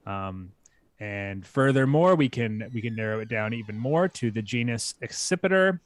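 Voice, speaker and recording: A middle-aged man co-hosting a live bird question show, explaining in a measured way and thinking aloud. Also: medium pitch, animated, no echo. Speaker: co-host answering bird questions. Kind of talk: casual live stream chat.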